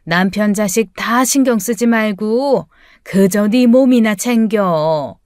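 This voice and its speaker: A woman voicing a pushy, nosy older mother-in-law who grumbles and gives orders in a slow drawl, in an audiobook story reading. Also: mid-range voice, darkish tone, no room sound, studio quality, lightly acted. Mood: grumbling.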